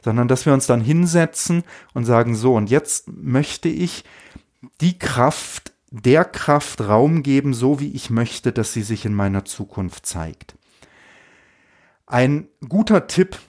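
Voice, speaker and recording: A man teaches as a meditation teacher, speaking in a calm, unhurried way. His phrases often end in a soft, questioning "ne?". He sounds like a guided spiritual lesson. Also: medium pitch.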